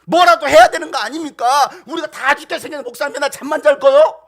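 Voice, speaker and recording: A man preaching acts out a frantic grown man, loudly pleading with a sleeper. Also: very high voice, fast, voice pushed up. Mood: frantic complaint. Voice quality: loud, pleading.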